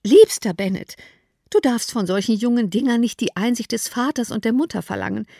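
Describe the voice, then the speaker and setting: A woman's voice: a little high, fairly quick, creaky, mellow, dry recording, clean studio sound. A woman reading an audiobook, voicing a fussy, scheming middle-aged mother who frets and scolds. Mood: coaxing. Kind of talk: audiobook character voice.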